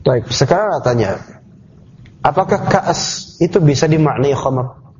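A man's voice: fairly high pitch, animated, unhurried, darkish tone, slight background noise. A man teaching a classroom lesson on scripture, explaining terms step by step and asking the class questions. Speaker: Islamic teacher. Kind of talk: classroom tafsir lecture. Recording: dull lo-fi class recording.

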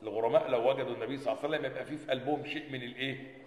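A man with an Egyptian accent teaching a religious lesson, animated, asking his listeners questions and answering them himself. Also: medium pitch, very fast. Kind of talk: classroom lesson explaining a hadith text. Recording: echoey hall with long reverb.

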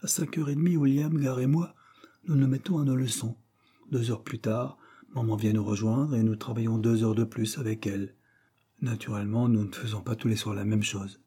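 A man's voice: medium pitch, steady tone, moderate pace, warm tone, husky, natural voice. A man voicing an earnest, polite schoolboy who speaks eagerly and respectfully.

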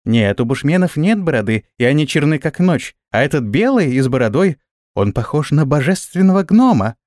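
A man's voice: fairly high pitch, sing-song, brisk, a little mellow, dry recording, studio quality. A man voicing a small winged fairy boy who lectures the others in a pert tone. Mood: lecturing.

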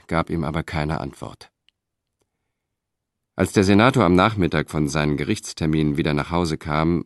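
A man narrating an audiobook in the first person, in a measured, even storytelling manner. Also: a bass voice, no echo, clean studio sound. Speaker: audiobook reader.

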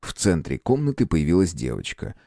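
Low dark male voice reading a storybook, lively intonation, dry close mic. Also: gravelly, dry recording. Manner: measured storytelling. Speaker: audiobook narrator. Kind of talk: scripted narration.

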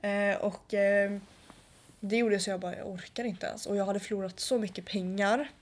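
A young woman co-hosting a casual chat, telling a story in a lively way and acting out dialogue. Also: medium pitch. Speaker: podcast co-host.

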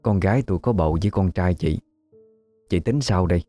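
A man's voice: deep voice, brisk, dark tone, no room sound, soft background music, close to an everyday voice. A man voicing a proud, stern older mother from a poor family in a spoken ghost story.

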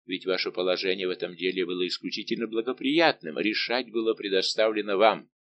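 Male reader voicing a haughty young king: imperious, indignant, low-pitched audiobook read. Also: a little fast, highs cut off, slight background noise. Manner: commanding, indignant questioning. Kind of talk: audiobook reading.

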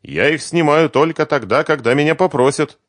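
A man voicing a dim, bewildered young bass guitarist who talks in a plaintive, puzzled way in an audiobook. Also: moderate pace, a bit bright, no echo, studio quality, close to an everyday voice.

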